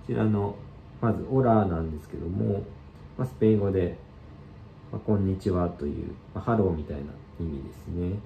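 A man giving a casual language lesson, explaining slowly and loosely with many fillers. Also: low voice, vocal fry, echoey room, phone-quality sound, slight background noise. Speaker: Spanish teacher.

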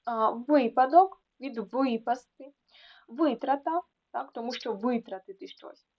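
Woman, tutor, explaining a lesson, slow contrasting repetitions, fillers, somewhat high voice, dull lo-fi sound. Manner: repeats words slowly and contrasts stresses, fillers like "а" and "е". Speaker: Ukrainian language tutor.

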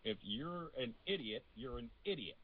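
A man's voice: mid-range voice, lively intonation, normal speed, a little hiss or hum. An American man talking in an emphatic, outspoken way, as a co-host on casual opinionated talk radio. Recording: tinny phone-like line.

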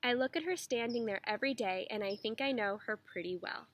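A woman's voice: a little high, fairly quick, a bit bright, slight background noise, natural voice. A woman voicing a chatty, friendly male museum guard telling a story. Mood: fond.

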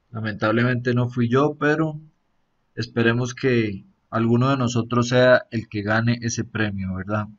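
A man talks at an easy, middling pitch through a screen-recorded app tour. He keeps it relaxed, often tagging sentences with a questioning aside and pausing on fillers. The recording sounds a little dull and muffled. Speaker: app reviewer.

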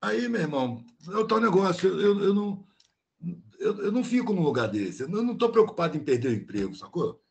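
A blunt older man tells a long story on a video call in a slangy, casual way. His voice sits fairly high for a man. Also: sing-song, quick pace, gravelly. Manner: blunt and slangy, peppered with "mano". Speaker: meeting participant.

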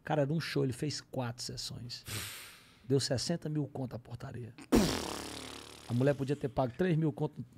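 A man tells stories on a podcast in an animated, slangy way, breaking into sung parodies. His voice has a gravelly, fried edge at a middling pitch. He sounds like a man in his thirties. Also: normal speed, pauses often, background noise. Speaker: podcast guest, comedian. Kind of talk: casual storytelling chat.

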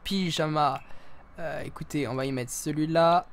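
A man's voice: fairly high pitch, fairly even intonation, moderate pace, a little hiss or hum. A man giving casual live gameplay commentary as a streamer, playful and self-mocking, with sudden exclamations. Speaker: gaming streamer.

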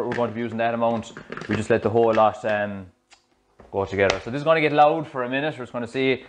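A man in his thirties with an Irish accent, a fitness coach talking through a smoothie recipe in his home kitchen on a clip-on mic, chatty and explanatory. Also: medium pitch, a little hiss or hum. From Ireland. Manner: chatty, explanatory, loose restarts. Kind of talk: casual cooking demonstration. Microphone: small clip-on mic.

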